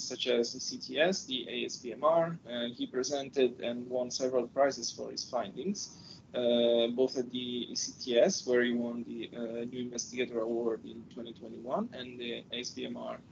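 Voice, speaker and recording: Man hosting a webinar, gravelly voice, halting with lots of uhs, screen-recorded video call, dull audio, faint rumble. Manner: halting, with frequent fillers. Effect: heard through a screen recording of a video call. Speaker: webinar host. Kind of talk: introducing a guest speaker.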